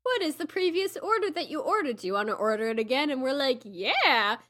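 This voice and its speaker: High, expressive and fairly bright, this woman's voice moves a little fast as she hosts and plays on a tabletop game podcast. Her banter is casual, enthusiastic and emphatic.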